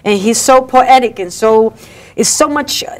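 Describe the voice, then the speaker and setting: A woman's voice: on the high side, moderate pace. A woman hosting a talk show who chats effusively and repeats her words as she talks to her guests. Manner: effusive, repeats herself, warm asides to guests. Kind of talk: casual interview chat.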